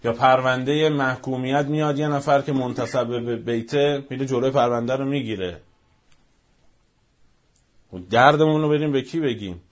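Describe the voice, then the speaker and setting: Man, impassioned speech, rhetorical questions, mid pitch, loud-to-soft swings. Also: fairly even intonation. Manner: fervent, rhetorical, swings from shouting to near-hushed.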